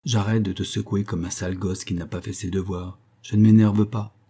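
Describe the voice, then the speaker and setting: Man reading pleading determined woman, audiobook, mellow husky voice, insistent. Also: lowish voice, flat delivery, moderate pace.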